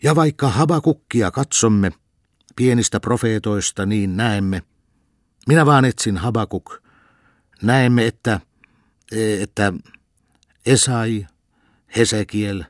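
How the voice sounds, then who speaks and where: A man voicing a pompous, hot-tempered village sexton who preaches haltingly and shouts in fury, in a storybook reading. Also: on the low side, dry recording, studio quality, pitched above the performer's own voice, natural voice. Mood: preaching. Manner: preachy, halting sermon delivery turning to furious shouting.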